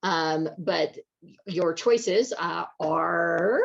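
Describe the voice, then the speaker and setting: A woman's voice: on the low side, very slow, gravelly, dull audio. A woman hosting a live online community event, chatty and upbeat, with plenty of fillers. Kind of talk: casual live webinar hosting.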